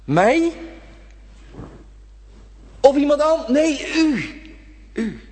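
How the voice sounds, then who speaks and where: A man preaching a sermon, impassioned, swinging from loud appeals to hushed whispers, in a church. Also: very high voice, very animated, drawn-out words. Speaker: pastor. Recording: reverberant church hall.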